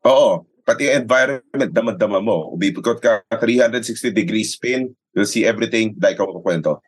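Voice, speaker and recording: In a relaxed interview blending Tagalog and English, a man from the Philippines who does sports radio commentary explains his points and keeps checking for agreement with tag questions. He speaks briskly in a low, slightly rough voice with no room sound.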